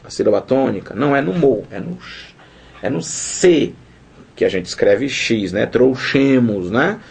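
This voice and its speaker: Gravelly-voiced playful male grammar teacher. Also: mid-range voice, lively intonation, a little slow, darkish tone. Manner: playful, colloquial, addresses viewer directly, mimics student questions. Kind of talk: lively classroom video lesson.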